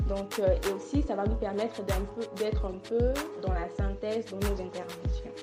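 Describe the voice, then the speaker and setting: A woman's voice: mid-range voice, steady tone, over loud music. Woman in her twenties moderating, roomy sound. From Congo. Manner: measured, with hesitant restarts. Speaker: discussion moderator. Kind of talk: podcast group discussion.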